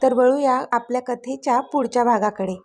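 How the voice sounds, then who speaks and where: High-voiced woman giving a channel intro. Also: normal speed, noisy background. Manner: friendly, direct address to viewers. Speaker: channel host.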